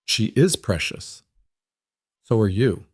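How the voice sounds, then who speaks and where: Man doing a gentle earnest single dad. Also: on the low side, lively intonation, slow pace, slightly rough, no echo, studio quality, full character voice. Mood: tender.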